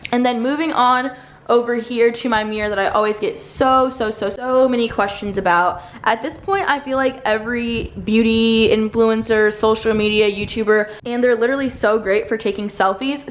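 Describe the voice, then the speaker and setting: Chatty young woman with a slight lisp. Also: on the high side. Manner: chatty, upbeat, filler-heavy with "like" and "you know". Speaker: vlogger. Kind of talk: casual apartment tour.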